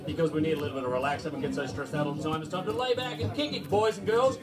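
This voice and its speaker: An Australian man with a high voice trades teasing, slangy banter on stage. He sounds a little far from the mic, with guitar strumming behind. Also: very fast. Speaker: comic musical performer. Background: guitar playing.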